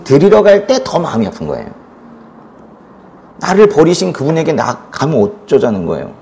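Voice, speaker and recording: Animated male pastor preaching a sermon. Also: a little high, gravelly. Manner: animated storytelling, acts out quoted lines, asks the congregation questions.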